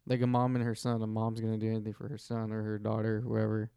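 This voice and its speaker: A man's voice: on the low side, monotone, fast talker, dark tone, smooth, no room sound, studio quality. A man in casual podcast chat as a co-host, giving his opinions informally with some swearing.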